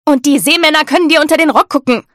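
A woman voicing a fussy, panicking noblewoman who scolds in a shrill, horrified way. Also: fast talker, fairly bright tone, dry recording, studio quality. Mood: alarmed.

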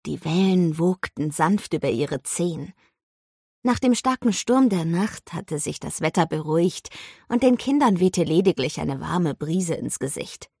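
A woman narrating a children's story in a calm storytelling manner. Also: on the low side, measured pace, creaky, slightly rough, dry recording, studio quality. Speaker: audiobook narrator.

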